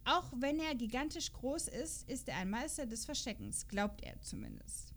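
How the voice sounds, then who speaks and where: Reading character profiles aloud on her casual podcast, this woman chats and gushes with playful exclamations. She speaks at a moderate pace in a sing-song voice that's a little high.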